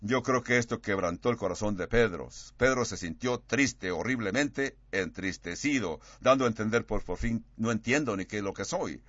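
A man preaching a sermon, acting out quoted dialogue with big swings in pitch and loudness. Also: moderate pace, few pauses, dry recording, muffled recording.

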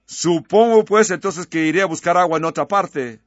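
A man's voice: sits high, normal speed, no room sound, muffled recording, pitched above the performer's own voice, lightly acted. A man voicing a thirsty, stubborn young girl from a storybook as he retells the story in a sermon. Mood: wary.

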